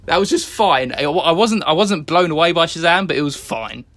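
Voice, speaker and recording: Co-hosting a laid-back film review podcast, this young man has a fairly high, animated, somewhat bright voice and a moderate pace. He keeps restarting as he hedges and stands up for his views.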